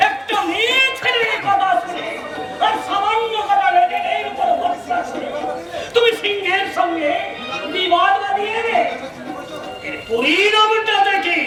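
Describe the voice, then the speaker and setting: A man's voice: very high voice, measured pace, crowd noise. A man playing a greedy, hypocritical uncle in historical folk theatre, declaiming theatrically with repeated exclamations. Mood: gloating, scolding. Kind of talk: loud declamatory Bengali jatra stage acting. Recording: echoey distant stage recording, music, audience noise.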